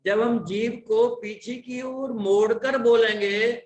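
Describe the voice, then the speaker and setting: Slow, high-voiced man drilling recitation. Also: steady tone, recorded from a distance. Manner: patient, explanatory instruction. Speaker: teacher of a religious class. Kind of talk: online lesson on recitation pronunciation. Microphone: online class audio. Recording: roomy echo.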